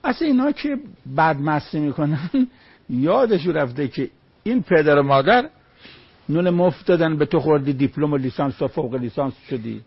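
A man's voice: fairly high pitch, expressive, breathy edge, dry recording, highs cut off. A man preaching on Quran verses, emphatic, with rhetorical questions and short stories.

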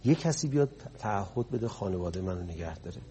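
A man's voice: sits low, expressive, warm tone, slight background noise. A man preaching a sermon, telling stories in a conversational way that rises to impassioned emphasis. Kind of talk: storytelling sermon.

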